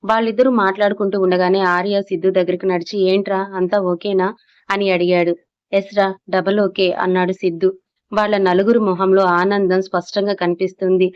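Woman storyteller, audiobook narration, mid pitch, slightly dull lo-fi audio. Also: flat delivery, fairly quick, smooth. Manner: reads all characters in her own voice with little change.

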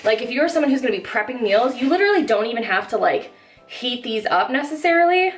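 A woman's voice: fairly high pitch, lively intonation, fast, faint music behind. A young woman filming a casual grocery haul vlog in her home kitchen, talking to the camera in an upbeat, chatty way full of "like" fillers. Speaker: vlogger.

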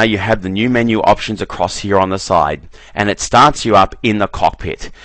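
A man giving a relaxed screen-recorded software walkthrough, often repeating "very, very" as he clicks through menus. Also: on the low side, no echo. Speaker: software trainer.

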